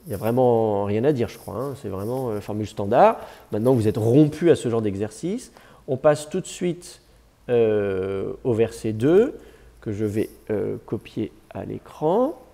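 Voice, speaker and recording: Patient male teacher, mellow voice. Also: lowish voice, animated, unhurried, gravelly. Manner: patient, explanatory, many fillers and restarts. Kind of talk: classroom lesson.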